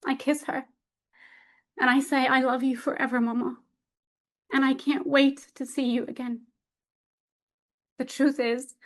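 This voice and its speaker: Woman in her thirties giving a heartfelt speech. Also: high-pitched. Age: 30s. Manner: heartfelt, dramatic pauses, storytelling. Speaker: public speaker. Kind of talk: emotional competition speech.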